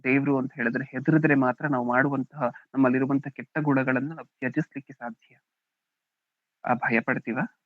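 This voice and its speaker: A man's voice: mid-range voice, steady tone, moderate pace, dry recording. A man with a Kannada accent preaching a sermon, often asking the congregation questions and reading scripture aloud with emphasis. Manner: asks the congregation rhetorical questions, "hm?". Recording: dry, thin phone-like sound.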